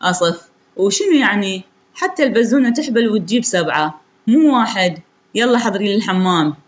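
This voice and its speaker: A woman's voice: medium pitch, animated, brisk, lightly acted. A woman with an Iraqi accent voicing a harsh, cruel young husband who barks orders with scorn in an Iraqi story. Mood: scornful.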